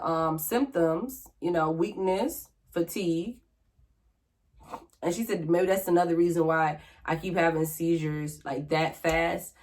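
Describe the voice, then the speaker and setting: A woman vlogger telling a personal story casually and bluntly, acting out the conversations she quotes. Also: fairly low pitch.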